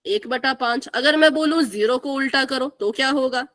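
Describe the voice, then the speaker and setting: A woman's voice: high-pitched, moderate pace, a crowd in the background. A young woman teaching a live online math class, asking the students questions and repeating the key answers.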